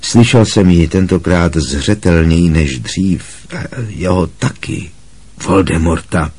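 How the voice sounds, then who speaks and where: A man voicing a stubborn, shaken teenage boy wizard in a storybook reading, with a husky, mumbling delivery. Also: deep voice, a little mellow.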